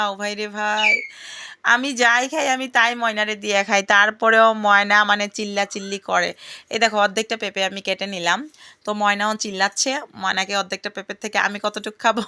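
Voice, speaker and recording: A woman's voice: medium pitch, background noise. A woman, chatting casually in a home vlog from her garden, often exclaiming aloud and calling out to her pet bird. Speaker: vlogger.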